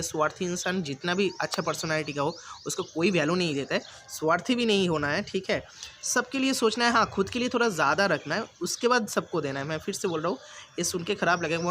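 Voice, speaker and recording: A man's voice: high voice, fairly bright tone. A man hosting a channel, talking casually and earnestly to his viewers about personality and self-confidence, often repeating his points and slipping in English phrases. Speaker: YouTube channel host. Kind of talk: casual self-help talk to camera. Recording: noisy background.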